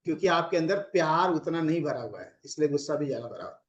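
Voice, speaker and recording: A man's voice: on the high side, expressive, fast talker, lo-fi sound. A middle-aged man, a relationship coach, giving casual advice and acting out examples of how people phrase things in anger. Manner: explains with acted examples of angry phrasing.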